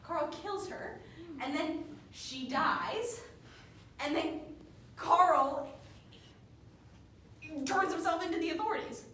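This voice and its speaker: A woman's voice: very high-pitched, lively intonation, slow pace, long pauses, sharp tone. Chatty young woman in an echoey room. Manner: chatty, sarcastic, many fillers. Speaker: student. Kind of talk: casual plot retelling. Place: room with a study group. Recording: echoey room, distant mic, faint noise.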